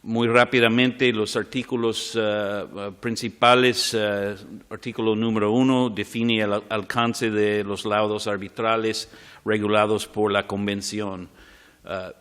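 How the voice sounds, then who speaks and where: A man giving a formal conference talk, halting as he searches for words. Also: lowish voice, flat delivery, fairly bright tone, clear, resonant tone. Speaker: conference panelist, legal expert.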